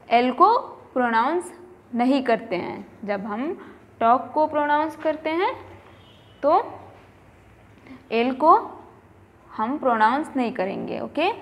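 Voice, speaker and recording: A woman teaching English, spelling words letter by letter in a slow, deliberate way and explaining in a mix of English and Hindi, with an Indian English accent. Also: a little high, fairly bright tone, in a large hall.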